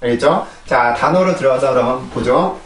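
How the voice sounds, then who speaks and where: A man's voice: medium pitch, normal speed, fairly bright tone, slight background noise. A man teaching English pronunciation in a lecture, explaining sounds and repeating them in drills, often checking in with his listeners. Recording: echoey room, voice a bit distant from mic.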